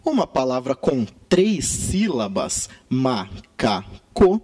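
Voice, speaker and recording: A man teaching a grammar lesson in Brazilian Portuguese, with emphatic, drawn-out key words. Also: fairly high pitch, very animated, a little mellow, no echo.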